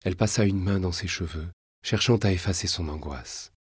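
A man narrating a historical novel in a measured, dramatic storytelling manner. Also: deep voice, breathy edge, no echo, studio quality.

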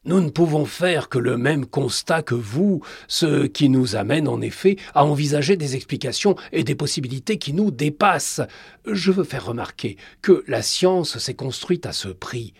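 A man reading aloud plays a thoughtful professor who speaks earnestly and steadily. The voice is husky and dry, with a lively melody. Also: a little high, normal speed, dry recording, pitched above the performer's own voice, heavily acted. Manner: reasoned, earnest. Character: thoughtful male professor, calm and reasoned.

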